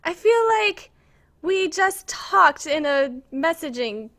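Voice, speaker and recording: Taking it slowly, the woman talks in an animated voice that sits high and has a fairly bright tone. She is an American live streamer and game map maker chatting casually to viewers indoors at an apartment computer, giggly and self-conscious as she rambles.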